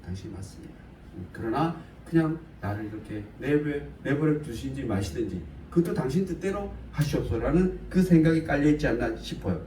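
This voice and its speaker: A man's voice: on the high side, expressive, a little fast, hardly any pauses, dark tone. A man preaching a conversational Bible sermon in a casual, blunt way, often asking his listeners questions. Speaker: pastor. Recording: roomy, from a distance, faint hiss.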